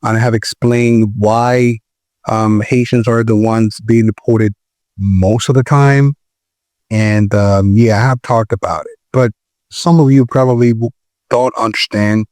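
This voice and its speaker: A man from the Republic, hosting his own channel and explaining in a measured way with frequent pauses. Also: medium pitch, a little mellow, dry recording, studio quality. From Dominican Republic. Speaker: video host. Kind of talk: explanatory commentary.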